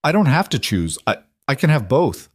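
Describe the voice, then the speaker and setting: A man's voice: medium pitch, sing-song, normal speed, breathy edge, no room sound, clean studio sound, voice pushed up. A man putting on a heated, pleading young woman. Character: distraught young woman, fierce, desperate in love.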